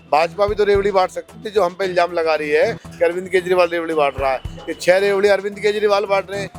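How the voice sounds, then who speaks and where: High-voiced man arguing politics. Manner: argumentative, rhetorical questions. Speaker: politician, candidate. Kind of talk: interview answers.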